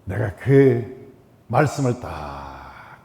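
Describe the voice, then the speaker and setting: A man's voice: fairly low pitch, very animated, drawn-out words, creaky. Emphatic preaching man in a reverberant church. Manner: emphatic preaching, repeating phrases, swinging loud and soft. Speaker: pastor. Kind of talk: sermon. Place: church sanctuary.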